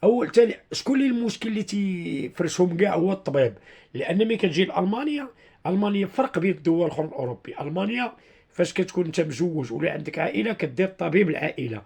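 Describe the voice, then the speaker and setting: High-pitched, raspy Moroccan man explaining. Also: animated, darkish tone. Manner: repetitive, halting, searching for words. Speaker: online video commentator. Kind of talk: informal explanatory commentary to followers.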